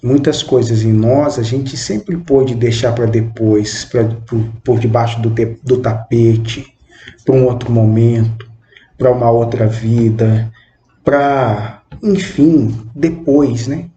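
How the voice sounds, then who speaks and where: A young man in his twenties speaks slowly in a mellow, soft-edged voice. His phrasing is halting and measured, and he keeps tossing in little questioning tags. The room sounds roomy and echoey, with a faint hum of background noise. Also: medium pitch, steady tone, highs cut off. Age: 20s. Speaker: channel host. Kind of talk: reflective spoken monologue.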